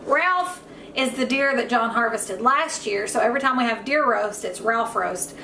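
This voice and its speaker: A woman vlogger chatting casually at home, telling an animated, playful story. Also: on the high side, moderate pace, slight background noise. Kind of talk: casual chat. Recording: echoey room.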